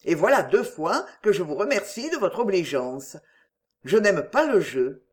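Woman doing polite young marquis, formal and lively. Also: on the low side, unhurried. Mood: courtly. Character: courteous young nobleman suitor.

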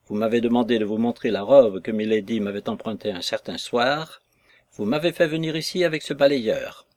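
A man's voice: medium pitch, darkish tone, no room sound, close to an everyday voice. A man voicing a scornful, vengeful maid. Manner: sarcastic, contemptuous, heated.

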